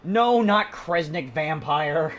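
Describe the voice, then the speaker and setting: A young man gives rambling let's-play commentary. His pitch swings widely and his talk wanders from thought to thought, with small laughs slipping in mid-sentence. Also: lively intonation, takes it slowly, a bit bright. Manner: rambling, chatty, jokes and talks to a friend. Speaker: streamer playing a video game.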